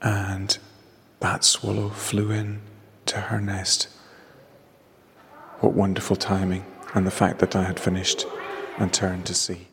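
A man's voice: sits low, completely flat delivery, takes it slowly, creaky, long pauses, fairly bright tone, a little hiss or hum. Man in an echoey stone chapel. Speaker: poet and guest. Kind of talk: reflective spoken storytelling. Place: small stone chapel indoors.

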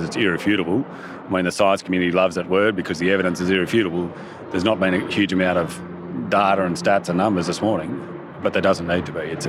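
A man's voice: low voice, noisy background. An Australian man being interviewed casually, speaking in a plain, colloquial way. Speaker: conference attendee being interviewed.

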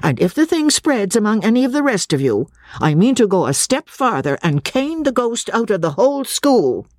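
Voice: medium pitch, big pitch swings, moderate pace, no echo, clean studio sound, pitched above the performer's own voice, close to an everyday voice. A reader doing a stern lecturing schoolmaster. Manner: harsh, lecturing, threatening. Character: stern middle-aged male village schoolmaster. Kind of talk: audiobook character voice.

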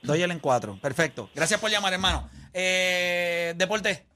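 A man's voice: sits high, a little slow, pushed and bright. A man hosting sports talk radio, brash and argumentative as he teases callers. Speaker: radio sports show host.

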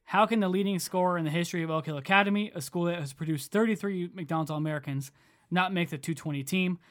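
A man co-hosting a casual sports podcast, chatty and relaxed, running through statistics with plenty of fillers. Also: high-pitched, fast talker. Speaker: podcast co-host.

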